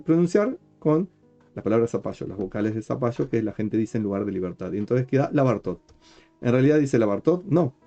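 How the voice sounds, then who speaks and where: A rabbi gives an explanatory lesson in a dark, mellow man's voice, pausing to ask whether his listeners follow. The recording is dull and lo-fi, with soft guitar music faintly underneath. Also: medium pitch. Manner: checks understanding with frequent rhetorical questions; points at written material while explaining. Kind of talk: explanatory teaching talk.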